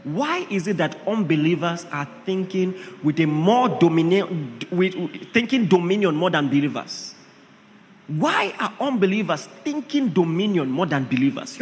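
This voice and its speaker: High, lively-voiced preacher in a hall. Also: male voice, a little hiss or hum. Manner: emphatic, repeats rhetorical questions to the congregation. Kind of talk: sermon.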